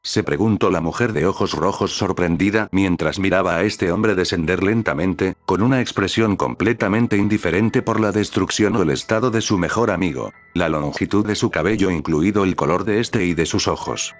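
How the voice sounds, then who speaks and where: Male storyteller, slightly low voice, steady scripted narration. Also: normal speed, hardly any pauses. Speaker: fan fiction narrator.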